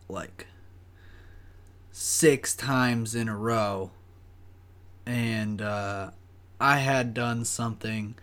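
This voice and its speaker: Slow-talking young man, profane storytelling. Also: medium pitch. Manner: profane, rambling, full of fillers. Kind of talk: casual storytelling.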